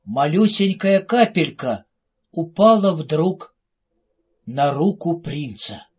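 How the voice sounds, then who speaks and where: A man tells a fairy tale, talking straight to his listener as a storyteller. His voice is fairly high with a husky grain. The recording is dull and lo-fi. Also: animated, slow, a little mellow. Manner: storyteller addressing the listener directly. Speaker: narrator. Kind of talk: storybook narration.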